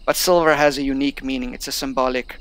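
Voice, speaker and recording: Speaking fast in a mid-range, steady voice with a slightly bright edge, this young man reads tutorial prompts aloud and then talks casually while gaming. He's a streamer doing let's-play commentary, and English isn't his first language.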